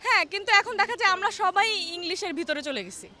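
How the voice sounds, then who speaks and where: A woman answering a street interview outdoors in a city, talking in relaxed colloquial speech. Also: very high-pitched, fast talker.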